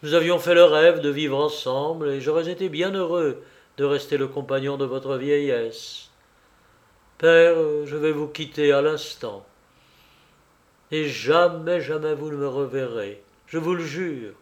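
A man's voice: fairly high pitch, lively intonation, moderate pace. A man voicing an anguished young man, torn by guilt, who speaks in a tense and earnest way.

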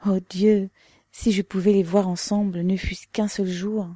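A woman voicing a loving, anxious older mother who speaks softly and with sighs. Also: fairly low pitch, steady tone, moderate pace, dry recording, natural voice. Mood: tender.

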